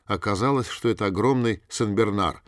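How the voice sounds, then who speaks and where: A man narrating an audiobook with even, measured delivery. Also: on the low side, dry recording, studio quality. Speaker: audiobook reader. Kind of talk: scripted narration.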